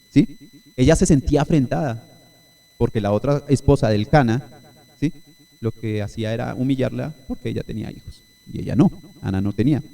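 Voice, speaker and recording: A man's voice: mid-range voice, dark tone. A male pastor preaching a Sunday sermon at a church service, teaching in an explanatory way and often checking in with his listeners.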